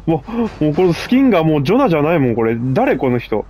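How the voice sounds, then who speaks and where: A man with a gravelly voice, chatting casually and mocking himself as he comments on his own game play. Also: a little high, sing-song, a little fast, a little mellow, a little hiss or hum. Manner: chatty, self-mocking, frequent laughs. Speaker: gameplay commentator.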